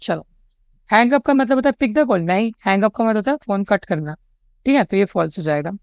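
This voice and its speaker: Male tutor, Indian English accent, slow deliberate reading of questions, smooth voice, dry close sound. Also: sits high, animated, dry recording. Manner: explanatory, keeps checking in with "ठीक है?". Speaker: exam prep instructor. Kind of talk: online exam-prep lesson.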